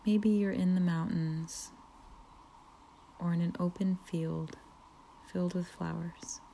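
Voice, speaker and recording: A woman leading a guided relaxation meditation, speaking softly with frequent whispered phrases and long pauses. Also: fairly low pitch, steady tone, creaky, a little hiss or hum. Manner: slow, soft, partly whispered, soothing pauses.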